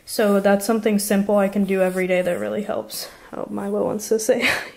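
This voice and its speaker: A woman's voice: medium pitch, level tone, brisk, creaky, a little mellow. A woman in her twenties chatting casually to the camera in a study vlog, filling her talk with "like" and "um". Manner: chatty, uses lots of "like" and "um". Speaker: vlogger studying for a medical school entrance exam. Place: apartment living room, indoors.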